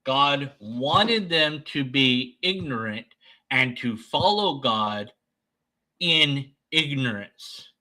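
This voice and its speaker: A man giving unscripted reaction commentary in a sardonic, dismissive manner with deliberate, emphatic phrasing. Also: mid-range voice, expressive, bright, forceful tone, poor audio. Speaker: commentator debunking another person's video.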